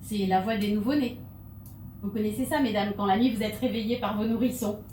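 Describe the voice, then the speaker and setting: A woman's voice: medium pitch, a little fast, darkish tone, slight background noise. A woman giving a humorous stage talk, playful and theatrical, with laughing asides. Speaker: conference speaker. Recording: echoey hall, mic from far off.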